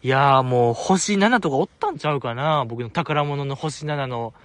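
Animated Kansai-accented man hosting. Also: mid-range voice, moderate pace, no room sound. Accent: Kansai Japanese. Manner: chatty, self-deprecating, animated. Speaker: radio show host reading listener mail. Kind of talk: casual solo talk.

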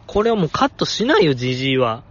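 Excitable Kansai man, lively pitch. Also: quick pace, husky, highs cut off. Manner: excitable and animated, exaggerating in bursts. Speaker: host reading listener messages. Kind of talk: casual chat.

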